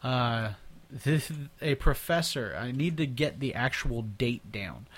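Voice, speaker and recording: A man's voice: mid-range voice, expressive, takes it slowly, a bit bright, breathy edge. A man hosting a casual podcast, rambling and laughing often, often stumbling and repeating words as he talks. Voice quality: natural mimic who slips into others' accents. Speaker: podcast host. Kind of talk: casual chat.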